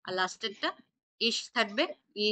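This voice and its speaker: A woman's voice: medium pitch, fairly even intonation, a little slow, sharp tone. A woman teaching an online German class, patiently quizzing her students on pronunciation over a video call.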